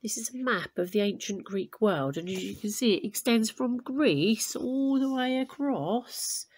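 With a high-leaning voice and a breathy edge, a woman teacher reads a storybook to her pupils. She reads with expression and care, stopping to explain things.

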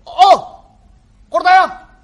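Man playing a rough remorseful working father. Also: high-pitched, expressive, brisk, a bit bright, full character voice. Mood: coaxing. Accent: Tokyo shitamachi (Edo). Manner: rough, apologetic, gruff tenderness. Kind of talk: rakugo storytelling.

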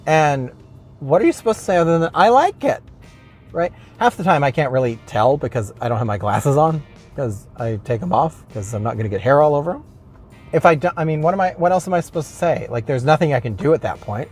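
A man's voice: fairly high pitch, animated, quick pace, darkish tone, breathy edge, soft background music. A man hosting his own vlog, complaining in a rambling, self-mocking way with many restarts while driving his car. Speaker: vlog host. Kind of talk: casual comedic rant.

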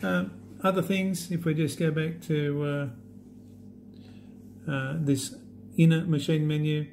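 A man walking through an app demo in a relaxed, halting way with many fillers. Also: on the high side, vocal fry, a little hiss or hum. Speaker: app demonstrator. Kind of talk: unscripted screen demo walkthrough.

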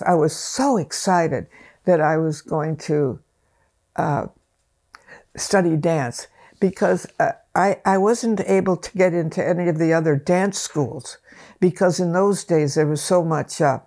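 A woman's voice: on the low side, dark tone. An elderly woman and dance teacher, reflectively telling stories in a sit-down interview at home and often restarting her sentences. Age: older. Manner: reflective storytelling with frequent restarts. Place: wood-panelled room at home, indoors. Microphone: close interview camera framing.

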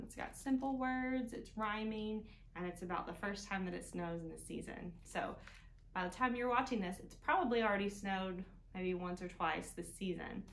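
This is a young adult children's librarian at storytime, her voice medium in pitch as she reads a picture book aloud, sometimes sing-song, and warmly urges the children to join in. She sits on a couch in a small indoor room, with a camera a few feet away recording echo and some background noise.

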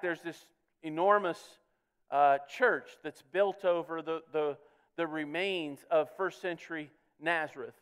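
Earnest high-voiced man preaching. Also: a bit bright, clean tone. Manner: earnest preaching with frequent word repeats, swelling on key words. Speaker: pastor. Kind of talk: sermon. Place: church sanctuary.

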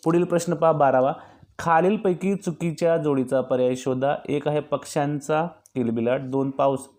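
A man's voice: on the high side, steady tone, normal speed, darkish tone. A man teaching young pupils, going through each quiz option and patiently answering his own questions. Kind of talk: exam-practice lesson for young pupils.

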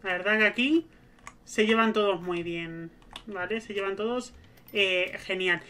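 A woman's voice: mid-range voice, a little slow, fairly bright tone, slight background noise. A woman, giving casual gameplay commentary as a streamer and chattily narrating each move she makes. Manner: chatty, narrates her own moves aloud. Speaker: gaming streamer.

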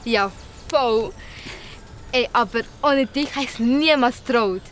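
A woman's voice: on the high side, unhurried, fairly bright tone. A woman with a Swiss German accent acting a schoolgirl who is fed up with a bullying gang and wants revenge, speaking in an indignant, fired-up way. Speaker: actor in an amateur short film. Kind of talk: amateur film acting. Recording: noisy location sound.

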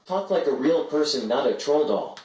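Flat synthetic male speech voice. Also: a little high, normal speed, lo-fi sound. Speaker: text-to-speech voice reading chat messages. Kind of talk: synthetic read-out of viewer messages. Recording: echoey room, far off, faint noise.

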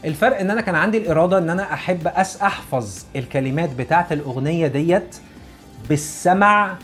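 Fast-talking Egyptian man giving advice. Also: on the high side, a bit bright, faint music behind. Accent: Egyptian Arabic. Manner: earnest, repeats key points for emphasis. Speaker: English teacher and YouTuber. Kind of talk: casual motivational talk to camera.

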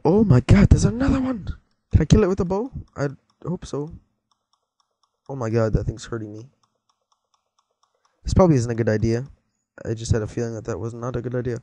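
A teenage boy with a mellow, medium-pitched voice talks at normal speed, animated but with long pauses, during a casual let's-play. His commentary rambles, he startles easily, and he jokes with viewers, all in a dry recording.

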